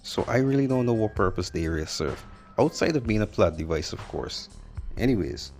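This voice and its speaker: A man with a low, gravelly voice rolls through a film recap, blunt and mocking, dropping slang as he goes. Faint music sits beneath his commentary. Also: lively intonation, brisk, darkish tone. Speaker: movie reviewer. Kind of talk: sarcastic movie review commentary.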